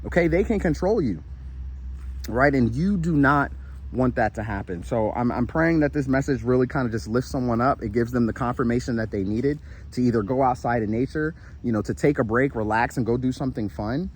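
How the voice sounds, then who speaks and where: Slight background noise accompanies this spiritual vlogger, who speaks briskly at medium pitch while walking through shade, sweating and fatigued. His casual, encouraging monologue is earnest and repetitive, with plenty of restarts and repeated "right?"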